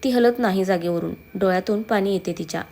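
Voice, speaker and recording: A woman's voice: medium pitch, fairly quick, creaky, a little mellow. Woman narrating a family story. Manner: reads all characters herself.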